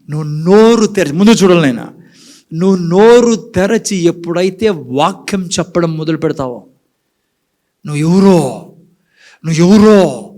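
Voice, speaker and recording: A man preaching a sermon in church with a Rayalaseema Telugu accent, asking the congregation questions and switching between quiet and loud passages, dropping in English phrases. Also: high-pitched. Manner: mixes in English words and phrases. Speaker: pastor.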